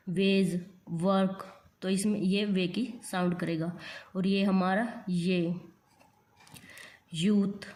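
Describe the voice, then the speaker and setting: Slow, even-toned Indian woman teacher. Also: mid-range voice. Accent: Indian English. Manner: slow, patient, spells out letters one by one. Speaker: shorthand teacher. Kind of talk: classroom lesson.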